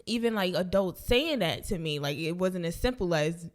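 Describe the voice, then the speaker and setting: A woman's voice: on the low side, animated, normal speed. A young adult woman co-hosting a podcast, talking candidly and casually with lots of "like" fillers. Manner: candid, chatty, with many "like" fillers. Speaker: podcast co-host.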